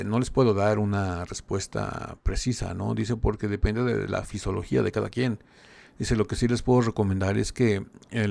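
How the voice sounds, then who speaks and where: Man, low voice, gravelly fry, casual translating commentary, checks in often. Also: a little mellow. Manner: relays quotes with frequent "dice" and "¿no?". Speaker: reaction channel host translating a live stream.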